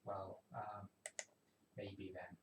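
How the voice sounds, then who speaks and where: A man's voice: deep voice, little pitch movement, extremely slow, recorded from a distance, slight background noise. A man chatting casually, hesitant and mumbling. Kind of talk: casual chat. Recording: echoey room with keyboard clicking.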